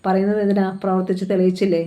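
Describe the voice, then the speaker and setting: A woman reading the lines of a scheming male killer who coaxes a woman with low, persuasive talk. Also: monotone, rapid-fire, warm tone, lightly acted. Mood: coaxing. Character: scheming smooth-talking male killer seducer.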